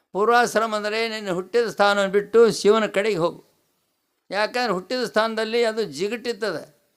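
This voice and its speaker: A man's voice: sits high, fairly bright tone, clean tone. A man with a North Karnataka Kannada accent giving a devotional discourse, asking the audience rhetorical questions and repeating key phrases. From North Karnataka, India. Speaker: swami preaching a pravachana.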